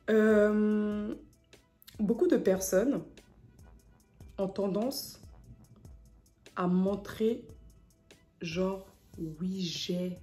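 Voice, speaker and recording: A woman's voice: mid-range voice, a little mellow, roomy sound. A young woman from French Guiana talking casually to camera as a vlogger, hesitant with many fillers.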